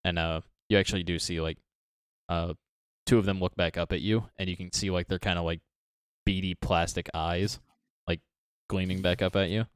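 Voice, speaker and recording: A man's voice: deep voice, fairly even intonation, normal speed, smooth, no echo, studio quality. A man narrating a tabletop game as dungeon master, describing scenes loosely with lots of fillers.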